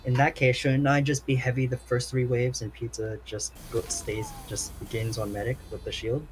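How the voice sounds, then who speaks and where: Mid-pitched man, casual speedrunner chat. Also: flat delivery, moderate pace. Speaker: speedrunner playing a team shooter. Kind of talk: casual speedrun team chatter. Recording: slightly noisy gaming mic.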